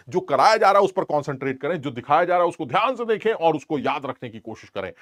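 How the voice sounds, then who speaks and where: A man teaching chemistry in an informal, scolding, emphatic lecture style. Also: on the high side. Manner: scolding, emphatic, plays both teacher and student.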